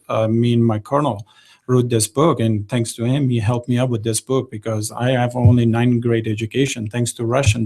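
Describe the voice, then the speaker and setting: Afghan-accented middle-aged male guest, gravelly voice, emphatic and earnest, at a studio desk mic. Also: medium pitch, darkish tone. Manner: passionate, emphatic, non-native grammar. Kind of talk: radio interview. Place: small radio studio. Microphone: desk microphone.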